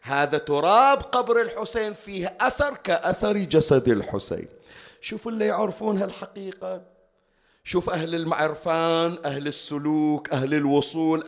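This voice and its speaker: Male preacher, high-pitched, delivers an impassioned mourning sermon that rises into shouted chanting. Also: animated, a little fast. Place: mourning hall.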